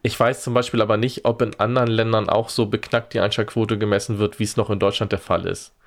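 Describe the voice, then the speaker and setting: A man's voice: lowish voice, flat delivery, fast talker. A man talking casually on a podcast, wry and exasperated, using dry gallows humor. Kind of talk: casual chat.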